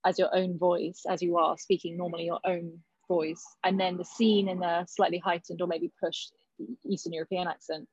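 Over dull, lo-fi video call audio, a female casting director offers workshop actors chatty, considered advice, often thinking out loud. She speaks at a normal pace in a lowish, level voice that is darkish with a breathy edge, and there's no echo.

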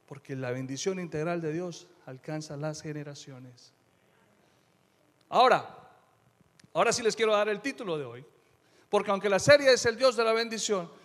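A middle-aged man preaching a sermon as pastor, emphatic, moving between quiet asides and loud declarations. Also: sits high, long reverb tail.

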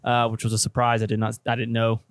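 A man's voice: mid-range voice, completely flat delivery, quick pace, no echo, studio quality. A man co-hosting a casual movie podcast, talking with enthusiasm and plenty of fillers. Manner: enthusiastic, chatty, many fillers. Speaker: podcast co-host.

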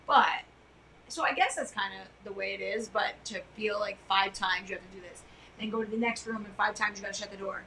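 A middle-aged woman co-hosting a podcast, chatting casually on a couch in a loud, emphatic way. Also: mid-range voice, brisk, slight background noise, poor audio. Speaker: podcast co-host. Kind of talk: casual chat. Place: living room couch.

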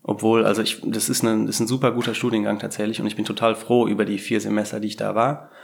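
A young adult game designer, appearing as a guest on a casual podcast in Berlin, tells his story in a rambling, self-deprecating way. He talks fast in a lowish, level voice that is gravelly with a breathy edge.

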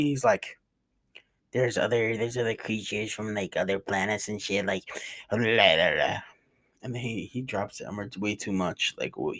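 Recorded roughly, a man with a fairly low, breathy-edged voice and a New York and New Jersey accent chats in slangy vlog style from his bedroom in a rented cabin. He rambles casually and keeps saying "bro."

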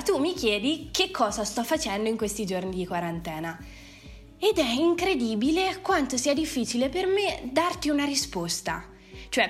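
Female guest, mid pitch, chatty and eager, faint music under her. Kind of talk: casual monologue.

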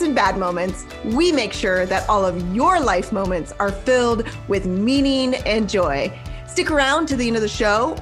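A woman hosting a podcast interview, enthusiastic and chatty, often saying "like". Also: mid-range voice. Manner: enthusiastic, uses fillers like "like". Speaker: podcast host.

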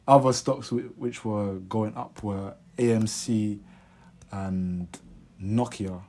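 A man's voice: fairly low pitch, steady tone, slow, dark tone. A young man with a London accent hosting a podcast, chatting casually in roadman slang. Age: young adult. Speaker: podcast host. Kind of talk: casual chat.

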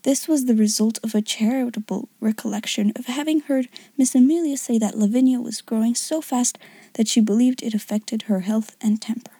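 A woman narrating a children's novel in a soft, half-whispered reading voice. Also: on the high side, normal speed, husky, no echo. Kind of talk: audiobook narration.

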